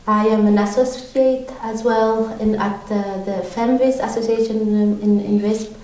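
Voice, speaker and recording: A woman's voice: on the high side, steady tone, moderate pace, mellow, slight background noise. Woman, from Tunisia, podcast guest, hesitant, lots of ums, far from the mic, very echoey room. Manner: hesitant, many ums and restarts. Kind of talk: conversational interview answers.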